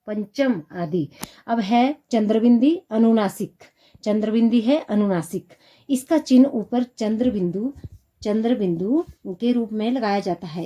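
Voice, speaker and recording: A woman's voice: mid-range voice, warm tone. A woman teaching Hindi grammar to students, patiently reciting letters one by one and addressing them as "beta". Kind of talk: classroom lesson.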